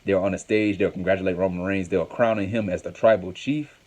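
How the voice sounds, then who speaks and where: A man with a lowish voice casually recapping a wrestling event as host. He rambles along in loose, conversational sentences and repeats lines as he goes. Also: steady tone, fast talker, a little mellow.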